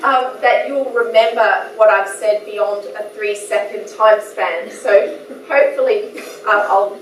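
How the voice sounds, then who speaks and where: A woman's voice: medium pitch, a little slow, a little hiss or hum. A woman with an Australian accent, a guest lecturer giving a chatty, self-deprecating academic talk. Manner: chatty, self-deprecating, laughs between points. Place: lecture hall. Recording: echoey hall, mic from a distance.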